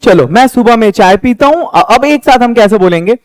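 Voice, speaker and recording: A young man teaching a spoken English lesson, patiently explaining and slowly repeating example sentences. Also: extremely high pitch, expressive, dry recording.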